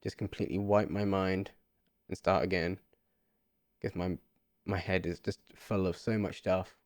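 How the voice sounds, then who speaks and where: This vlogger, a man in his twenties, delivers a casual, reflective monologue to camera, earnest and rambling, circling back to repeat himself. His low voice is unhurried and darkish with fairly even intonation; the recording is clean studio sound with no room ambience.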